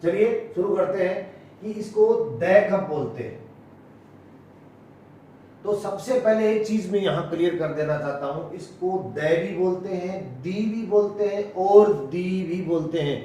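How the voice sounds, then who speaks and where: A man with an Indian accent teaching English pronunciation, explaining slowly and repeating key words, mixing in English phrases. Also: high-pitched, dark tone, slight background noise. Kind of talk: classroom-style explanation. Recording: echoey room, voice from a distance.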